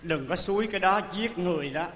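A man's voice: sits high, fast, a little hiss or hum. An actor playing a broke male folk-opera actor in a stage comedy sketch, teasing and exasperated. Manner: teasing, exasperated, loud and playful. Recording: echoey hall stage recording.

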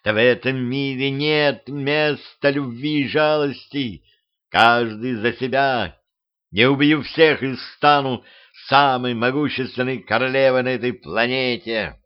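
A man voicing a cruel, power-hungry vampire queen who speaks slowly and menacingly. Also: mid-range voice, steady tone, smooth, highs cut off, lightly acted.

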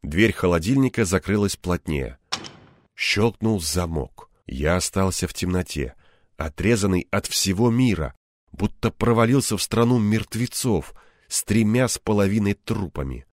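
Низкий выразительный мужской голос чтеца. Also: male voice, lowish voice, normal speed, dry recording, studio quality. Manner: expressive, acts out tension. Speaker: audiobook narrator. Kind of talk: first-person audiobook narration.

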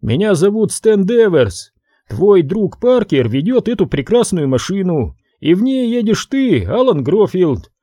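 A man's voice: high-pitched, sing-song, a little slow, dry recording, studio quality, pitched above the performer's own voice, full character voice. A man doing a chirpy young ambulance medic. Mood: cheerful. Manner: bright, eager, talkative. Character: cheerful young male medic-driver, chatty.

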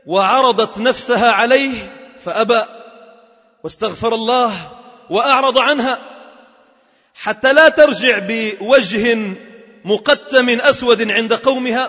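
Man preaching a friday sermon, really high voice, long echo, kinda muffled recording. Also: sharp tone. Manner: dramatic storytelling with drawn-out emphatic phrases. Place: mosque. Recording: dull lo-fi recording with long mosque reverb.

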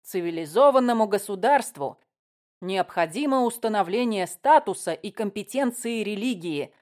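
A woman's voice: medium pitch, lively intonation, normal speed, a little mellow, lightly acted. A woman reading an audiobook, voicing a combative male official who argues in a raised, lecturing voice. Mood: heated, lecturing.

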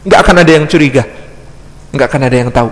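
A man's voice: mid-range voice, fast talker, slight background noise, lightly acted. A man voicing a sly male devil who coaxes and mock-pities his victim, with a long hall reverb. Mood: hushed coaxing. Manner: coaxing, wheedling, mock-pitying.

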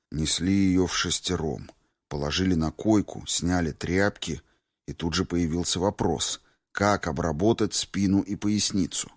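A man calmly reading a first-person story aloud in a measured, sober way. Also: low voice, no echo, clean studio sound.

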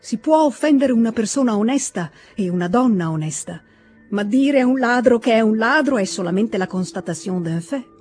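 A reader voicing a stern, cold aristocratic husband, with a shrill, curt and contemptuous manner, in an audiobook reading. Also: animated, moderate pace, a little mellow, soft background music, natural voice.

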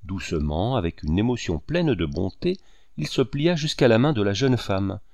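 A man narrating a novel in a measured, expressive literary reading. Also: lowish voice, creaky, no room sound. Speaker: audiobook narrator.

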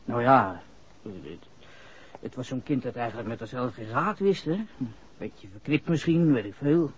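An actor in a 1960s radio drama portrays a jittery, shifty young man under police suspicion, stumbling through slang-filled lines, defensive and ill at ease. He speaks at a moderate pace in a natural, medium-pitched voice, and the muffled vintage recording carries a little hiss or hum.

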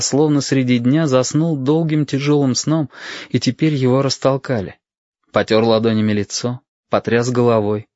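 A man reads a story aloud at a measured pace, with expression. His voice has a middle pitch. The recording is dry, with no room sound, and slightly muffled. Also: darkish tone, dry recording. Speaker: audiobook narrator. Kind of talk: scripted narration. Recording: dull, dry lo-fi audio.

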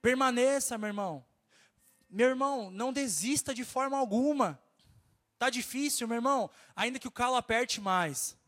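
A man's voice: very high-pitched, normal speed, a bit bright. A man preaching a fervent sermon with a nasal voice and a Brazilian Portuguese accent, urging his listeners over and over. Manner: fervent, exhorting, keeps repeating "my brother".

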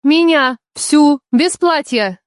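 A male audiobook reader voicing a quick-tongued, stubborn young bride who fires back defiant retorts. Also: extremely high pitch, expressive, no room sound, voice pushed up.

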